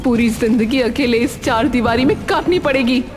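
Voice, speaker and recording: Woman doing a furious cartoon ghost mother, high and lively, faint music under. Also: moderate pace, lightly acted. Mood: angry scolding. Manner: scolding, commanding. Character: stern ghostly mother, angry at cruel son. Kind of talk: animated story voice acting.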